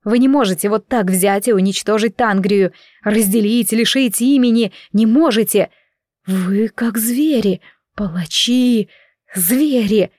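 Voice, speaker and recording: A woman's voice: on the high side, normal speed, darkish tone, no echo, clean studio sound, natural voice. A woman voicing a wounded young woman prisoner in an audiobook, bitter and pleading, breaking into cries. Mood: bitter anguish. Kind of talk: audiobook character voice.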